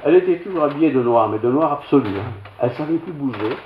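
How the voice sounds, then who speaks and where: During a storytelling sermon in a church hall, an older Belgian French-accented pastor relates a homely anecdote from his boyhood that mocks himself. He talks fast and expressively at medium pitch, and the roomy church recording is slightly dull with a faint hiss or hum.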